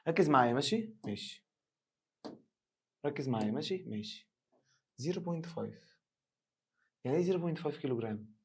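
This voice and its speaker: A young man with an Egyptian Arabic accent teaching a recorded science revision lesson, joking with imagined students and reading the English questions slowly. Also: fairly high pitch, expressive, a little hiss or hum.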